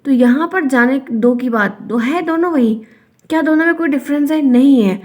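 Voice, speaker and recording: Young female teacher, higher register, patient and repetitive explainer for an online lesson. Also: moderate pace. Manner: explains by repeating, acts out example sentences. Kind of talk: online Hindi grammar lesson.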